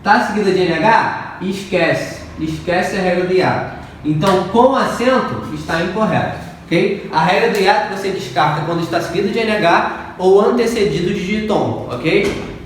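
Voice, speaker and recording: A Portuguese teacher with a high-pitched voice and a moderate pace teaches a grammar lesson, patiently working through exercises, repeating the rules and checking in often with his students. He's recorded from far off in an echoey room, with faint noise.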